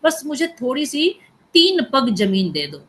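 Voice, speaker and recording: A woman's voice: high-pitched, big pitch swings, measured pace, fairly bright tone, voice pushed up, heavily acted. Give me a woman doing a humble boy sage in a storybook legend.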